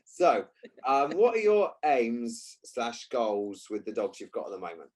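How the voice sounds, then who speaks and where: A man's voice: medium pitch, big pitch swings, a little slow, a little mellow. A man hosting a casual interview, talking in a teasing, jokey way. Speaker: host, agility coach.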